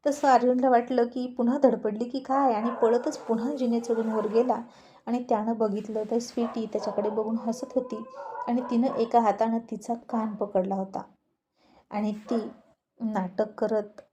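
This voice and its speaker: Woman narrating a serial story, mellow tone. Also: on the high side, slight background noise.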